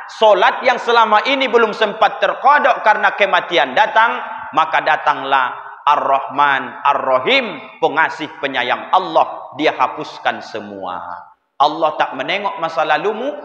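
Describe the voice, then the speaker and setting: High-voiced preacher in an echoey hall. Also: male voice. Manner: lively storytelling, addresses the audience directly. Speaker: Islamic preacher. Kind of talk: humorous sermon to a congregation. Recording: echoey, dull hall recording.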